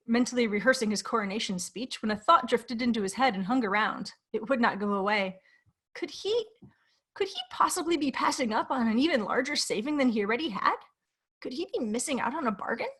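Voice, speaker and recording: A woman with a fairly high voice reads a short story aloud. Her narration is measured and expressive, shaping each sentence carefully. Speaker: guest reader. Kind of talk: dramatic story reading.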